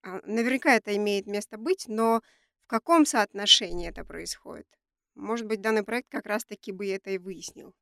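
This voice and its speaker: Brisk and fairly bright with some vocal fry, this podcast co-host has a cold that leaves her nasal and stuffed up. She chats through prepared facts in a medium-pitched voice, captured dry at studio quality.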